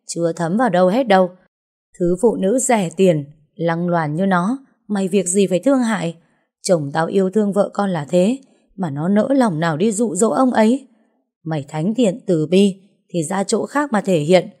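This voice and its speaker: A woman's voice: fairly low pitch, animated, moderate pace, warm tone. A woman narrator voicing a furious, heavyset middle-aged wife who hurls insults in an audiobook story. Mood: scornful. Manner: screeching insults, theatrical wailing.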